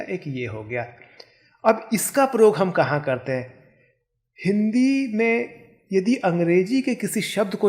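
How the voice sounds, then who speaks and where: A man's voice: high-pitched, a little mellow. A man teaching a Hindi grammar lesson, patiently spelling out sounds and example words one at a time.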